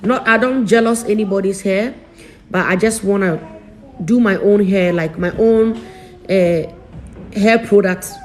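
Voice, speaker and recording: Slow, soft-spoken emotional woman. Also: mid-range voice, rough recording. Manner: slow, repetitive storytelling with simple phrasing. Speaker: vlogger. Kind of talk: emotional personal vlog talk.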